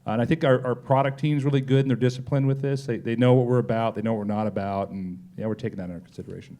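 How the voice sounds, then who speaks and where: On stage at a live pub talk event, a man answers panel interview questions as a company executive. His medium-pitched voice is steady yet dark in tone and races along, his conversational replies dotted with "kinda" and "you know."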